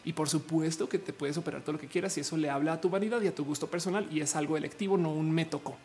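A woman with a Mexican Spanish accent and a low, androgynous voice, chatting casually with viewers in a slangy, rambling way full of fillers. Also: racing, darkish tone. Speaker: streamer answering viewer comments. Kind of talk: casual chat.

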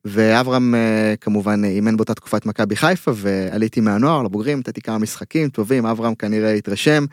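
A middle-aged man with an Israeli accent, a mental coach giving earnest, emphatic motivational talk in an interview, pausing mid-phrase. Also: on the low side, dry recording, clean studio sound. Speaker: mental coach, podcast guest.

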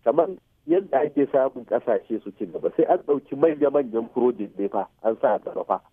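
Mid-range, animated and fast-talking with a breathy edge, this Hausa-accented Nigerian man serves as an expert radio guest, mixing English technical terms into his explanations and checking in with short tag questions. The sound is muffled and phone-like, with no room sound.

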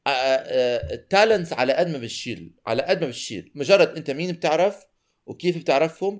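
Fast-talking Levantine man mixing Arabic and English. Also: a little high, animated. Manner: mixes Arabic and English mid-sentence. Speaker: podcast co-host. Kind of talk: casual podcast chat.

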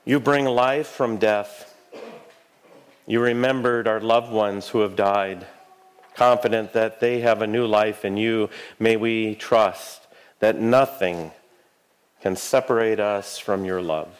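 A man speaking as a Lutheran pastor, leading prayers and liturgy in a measured, solemn, formal way. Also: on the low side, clean tone.

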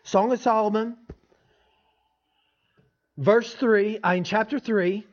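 A man's voice: high-pitched, fairly even intonation, takes it slowly. A man giving an informal, folksy teaching sermon as a preacher, often checking in with his listeners. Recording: dull, lo-fi sound.

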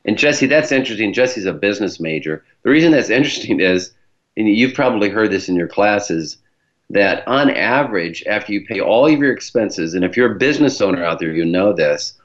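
A man's voice: fairly low pitch, expressive, fairly quick, highs cut off. A man with a Great Lakes accent from Michigan, hosting a show in a chatty, explanatory way and addressing listeners directly. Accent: Michigan, Great Lakes American. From Michigan, United States. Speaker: podcast host, branding professional.

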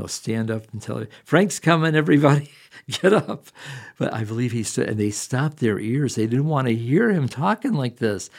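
A man's voice: medium pitch, gravelly, dark tone, husky. A man preaching a sermon, reading scripture and speaking earnestly in a conversational way.

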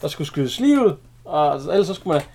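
A man's voice: a little high, creaky. A Danish man in casual chat, eagerly retelling film scenes and his army memories. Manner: eager, excitable retelling with fillers.

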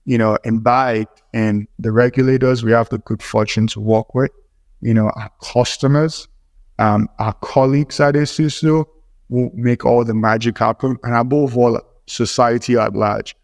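An earnest man answers interview questions as a company co-founder, favouring formal phrasing and maxims. His mid-range voice moves little in pitch and is recorded dry. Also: steady tone, normal speed, a little mellow, no echo. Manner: earnest, formal wording with aphorisms. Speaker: startup co-founder, guest.

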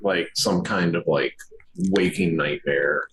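A man's voice: low-pitched, wildly swooping pitch, slow, gravelly, a bit bright, a little hiss or hum. A man, the podcast's producer, chiming in with short wry reactions in casual chat.

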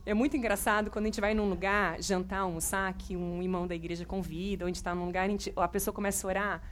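A woman's voice: mid-range voice, steady tone, fast talker. Give me a playful, teasing woman storyteller performing at a church. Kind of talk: playful puppet act at church.

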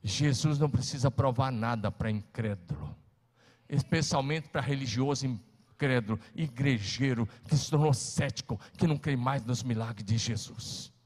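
A man preaching a sermon as pastor, emphatic, moving between loud calls and hushed words and having the congregation repeat after him. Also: mid-range voice, moderate pace. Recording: long hall reverb.

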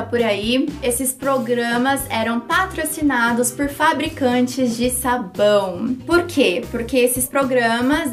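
A Brazilian woman teaching English pronunciation, cheerful, laughing often and repeating words slowly. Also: high-pitched. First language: Portuguese. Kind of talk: bilingual pronunciation lesson.

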